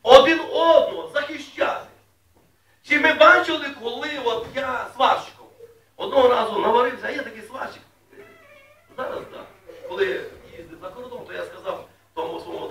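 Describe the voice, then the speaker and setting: A man preaching a sermon to his congregation in a folksy way, asking them questions and rising loudly when he reads scripture. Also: extremely high pitch, fairly quick, creaky, slight background noise. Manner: folksy, asks the congregation questions, rises to loud reading. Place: church hall. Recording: echoey room, mic at a distance.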